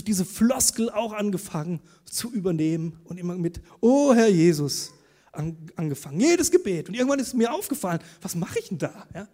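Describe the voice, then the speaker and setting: Husky, high-voiced male preacher. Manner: conversational, animated storytelling with tag questions. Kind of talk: sermon.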